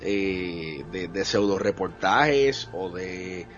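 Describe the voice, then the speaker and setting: A man's voice: low voice, lively intonation, drawn-out words, a bit bright. A man hosting an interview, asking long winding questions full of fillers and English words. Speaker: podcast host. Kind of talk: conversational interview. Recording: dull lo-fi sound with faint music.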